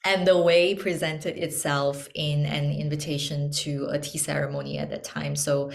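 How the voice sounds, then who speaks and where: Low-voiced woman, reflective interview guest. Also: level tone, gravelly. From Malaysia. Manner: soft-spoken, reflective, frequent um pauses. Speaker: guest, tea ceremony practitioner. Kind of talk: casual interview conversation.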